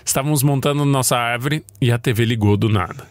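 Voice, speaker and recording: A man's voice: brisk, no echo. A man from Brazil hosting a podcast, reading listener stories aloud with playful, jokey asides. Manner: playful, jokey asides with big pitch swings. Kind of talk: casual chat and story reading.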